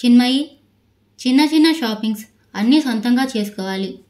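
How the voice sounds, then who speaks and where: A woman narrator voicing a young husband who calmly advises his wife, in a quieter voice. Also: a little high, a little fast, natural voice. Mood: advising.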